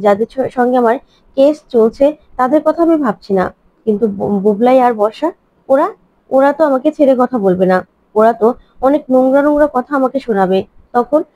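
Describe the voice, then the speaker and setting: A woman's voice: high-pitched, fairly quick, no room sound, lightly acted. A woman voicing an anxious middle-aged mother who fears gossip, talking in worried, faltering repeats in a dry, dull recording. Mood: fearful.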